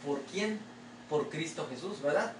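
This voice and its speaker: A man pastor delivers a sermon in a chatty, conversational style, peppering it with rhetorical questions and addressing the listener as brother. His voice sits a bit high for a man. It is picked up by a mic some distance away in a roomy, echoing church with a faint ambient hush behind him. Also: lively intonation, a little slow, a little hiss or hum. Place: church sanctuary.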